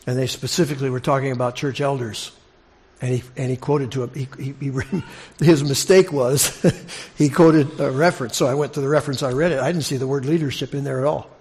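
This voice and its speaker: A man teaching a congregation preaches a conversational expository sermon, posing questions and restating phrases for emphasis. His voice is mid-range and darkish, with fairly even intonation and a slightly fast pace.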